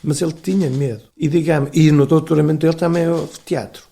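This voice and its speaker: A man's voice: on the high side, fairly even intonation, fairly quick, gravelly, dark tone, slightly rough. Older Portuguese man telling anecdotes. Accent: European Portuguese. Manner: rambling anecdotal storyteller with frequent hesitations. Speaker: historian guest. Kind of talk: conversational interview storytelling.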